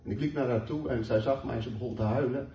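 A man preaches a sermon, earnestly telling a personal testimony as a story and reading scripture aloud. His voice is medium-pitched, fast and warm. The recording sounds roomy and distant, with a dull hall mic and a little hiss or hum.

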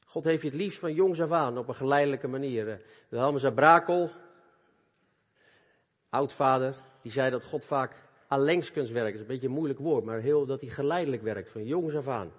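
A man preaching a sermon in speech, earnest and animated, addressing young listeners directly. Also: medium pitch, normal speed. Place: church hall. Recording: long reverb of a church hall.

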